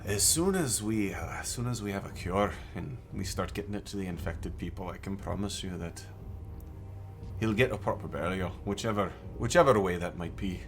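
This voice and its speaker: A man running a tabletop game as game master, talking in a halting way with frequent restarts, over a remote call microphone. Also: low-pitched, faint music behind. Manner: halting, many restarts and fillers. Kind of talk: improvised character and game narration.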